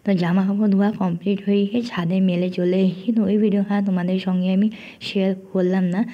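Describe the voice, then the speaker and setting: A woman with a hoarse voice after a cough, narrating her home cooking vlog in a homely, chatty way to her viewers, with many fillers. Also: medium pitch, level tone, fast, muffled recording. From India. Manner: homely chatty talk to friends, frequent fillers. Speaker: cooking vlogger.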